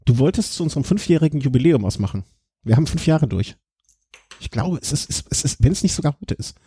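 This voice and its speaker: A man hosting a podcast in casual conversation, with a husky, raspy voice. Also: fairly high pitch, expressive, fast, warm tone, dry recording. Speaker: podcast host.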